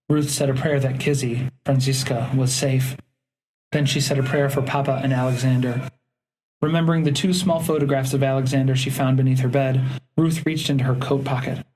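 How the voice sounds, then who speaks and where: A man narrating a historical audiobook in a steady, measured reading. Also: medium pitch, slight background noise, rough recording. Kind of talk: scripted narration.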